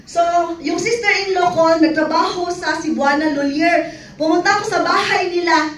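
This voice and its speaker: A woman's voice: very high voice, normal speed, a bit bright, a little hiss or hum. A middle-aged woman giving a personal testimony to an audience, telling her story with laughter and acted quotes. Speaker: testimony speaker. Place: event hall. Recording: echoey hall from far off, audience faintly behind.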